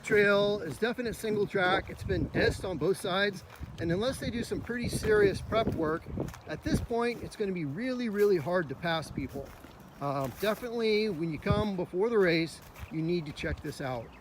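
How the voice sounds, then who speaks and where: A man's voice: sits high, lively intonation, normal speed. A man coaching as he walks a cross country course outdoors, explaining the route. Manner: instructive, upbeat. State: slightly out of breath. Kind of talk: walking course tour commentary. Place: outdoor park trail. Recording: faint outdoor noise.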